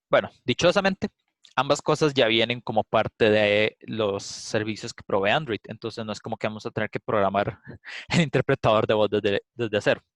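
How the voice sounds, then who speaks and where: A man's voice: mid-range voice, fairly bright tone, dry recording. A man giving a casual, explanatory class lecture, thinking aloud with frequent "eh" fillers. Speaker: instructor. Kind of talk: recorded class lecture with live demo.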